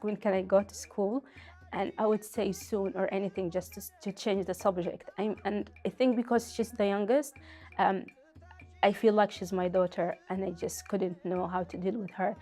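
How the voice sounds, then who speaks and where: A woman, giving a halting, reflective personal testimony. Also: medium pitch, a little mellow. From Sudan. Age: 30s. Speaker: interviewee telling her story.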